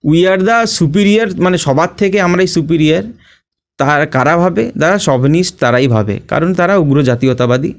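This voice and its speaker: A young man with a Bengali accent, teaching an exam-prep English lesson, reading the English slowly and explaining it in Bengali. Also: a little high.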